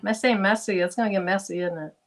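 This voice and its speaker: Heard through a computer microphone on a video call, a guest crafter talks fast and casually, thinking aloud while doing a craft project. Her voice has a medium pitch and fairly even intonation.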